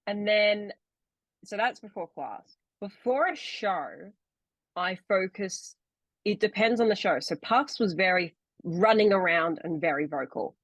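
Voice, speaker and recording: A young woman who is a podcast co-host and actor chats casually over a video call, explaining things at length with plenty of fillers. Her medium-pitched voice is expressive and measured in pace, with no room sound but poor audio.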